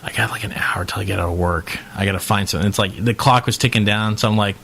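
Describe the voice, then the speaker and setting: A man co-hosting a podcast in casual chat, an excitable storyteller who acts out quotes. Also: lowish voice, quick pace, creaky, a little hiss or hum. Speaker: podcast co-host.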